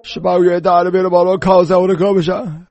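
A man's voice: sits high, flat delivery, quick pace, darkish tone, dull audio. A man preaching and telling a personal testimony in an emotional, pleading, tearful way.

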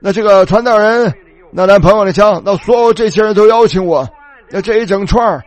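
A male preacher telling a story in a sermon, animated and repetitive, retelling dialogue as he goes. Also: high voice, fairly quick.

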